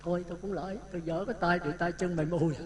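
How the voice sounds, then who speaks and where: Male Buddhist monk, Southern Vietnamese accent, high voice, animated storytelling sermon, audience audible in the room. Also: very fast, a crowd in the background. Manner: lively anecdotal telling, acts out dialogue. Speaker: Buddhist monk giving a dharma talk. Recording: talk with audience sounds behind. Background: listeners laughing.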